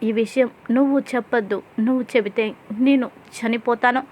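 A woman's voice: a little high, fairly even intonation, normal speed, a little mellow, natural voice. Woman reading a desperate pleading young woman. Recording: dull lo-fi sound.

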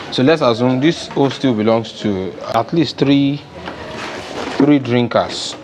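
A young Nigerian-accented man with a mid-range voice walks through an informal, unscripted hands-on demonstration step by step, taking it slowly. He's a DIY farming instructor in an open-sided poultry house with a concrete floor, with background noise and music playing.

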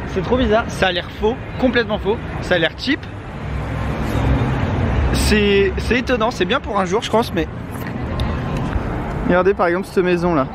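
High-pitched and pausing often at a moderate pace, this young man rambles hesitantly to a camera in his hand at arm's length. It's a casual travel vlog shot outdoors on a city street, with street and traffic noise behind.

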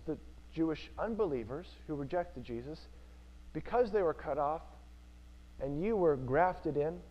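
A man's voice: fairly high pitch, dull audio. A male preacher giving an earnest sermon in church, repeating key phrases for emphasis.

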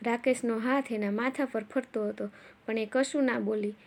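Woman storyteller, high voice, dramatic measured narration. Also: steady tone.

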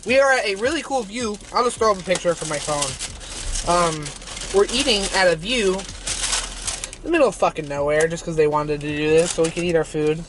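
A man's voice: high-pitched, normal speed. A seventeen-year-old young man chatting casually in a car vlog, rambling and swearing in an upbeat way. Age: teens. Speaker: vlogger. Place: inside a parked car. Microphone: camera on the dashboard. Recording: noisy car recording.

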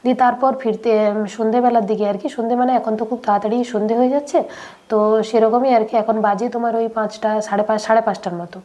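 A woman's voice: on the high side, fairly even intonation, very fast, dark tone. A young woman, narrating her daily-life vlog while she has a cold, chatty and speaking straight to viewers with many fillers. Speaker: vlogger.

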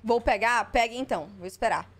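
Brief: high-voiced woman streamer, skeptical and exasperated live reaction, salty language. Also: fairly quick. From Brazil. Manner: skeptical, exasperated, swears freely.

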